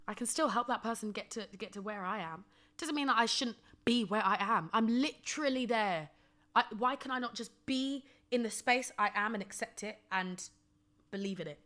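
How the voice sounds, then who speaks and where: Her voice sits a little high and has a sharp edge. She's a woman in her twenties running a solo podcast, chatting loosely and ranting humorously, with a sassy, emphatic style and lots of comic repetition.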